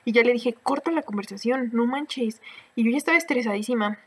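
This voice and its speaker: A woman's voice: on the high side, a little fast, husky. Laughing young Mexican woman telling a story. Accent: Mexican Spanish. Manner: animated, laughs often, slangy. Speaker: podcast co-host. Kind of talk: casual storytelling chat.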